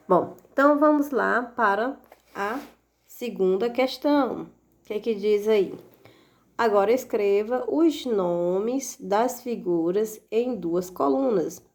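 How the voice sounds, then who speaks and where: Slow, patient woman teacher. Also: medium pitch. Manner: slow, patient, asks rhetorical questions with frequent "né?". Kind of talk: recorded video lesson for children.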